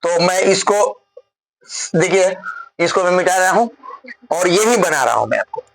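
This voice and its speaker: A man's voice: sits high, lively intonation, moderate pace, creaky, fairly bright tone, low-quality recording. A male physics teacher solving a problem on the board step by step in a classroom lecture, often checking whether his students follow.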